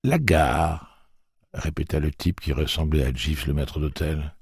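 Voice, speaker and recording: Deep, husky male audiobook narrator. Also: level tone, normal speed, darkish tone, no echo, studio quality. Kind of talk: scripted narration.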